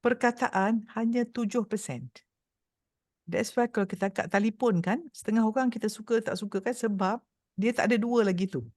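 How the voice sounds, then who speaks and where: A woman's voice: medium pitch, moderate pace, a little mellow, no room sound, clean studio sound. A woman with a Malaysian accent giving a playful motivational talk to an audience and teasing the crowd. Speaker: motivational speaker.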